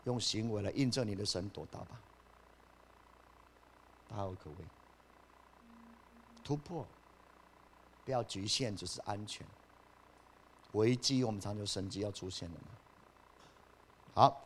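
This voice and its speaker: A man preaching a sermon. He moves from soft asides to loud, rising emphasis, and he asks the listeners questions and then answers them himself. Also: lowish voice, animated, moderate pace, pauses often, slight background noise. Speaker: pastor.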